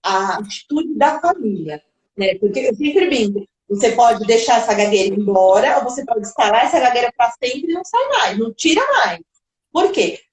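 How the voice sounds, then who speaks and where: A woman's voice: a little high, animated, normal speed, reverberant, low-quality recording. A woman speech therapist giving explanatory answers in a live video-call interview, now and then acting out parents and children.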